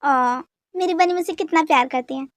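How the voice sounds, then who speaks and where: A woman's voice: high-pitched, normal speed, no echo, studio quality, close to an everyday voice. A woman voicing a patient, teasing pregnant young woman with a soothing, affectionate manner.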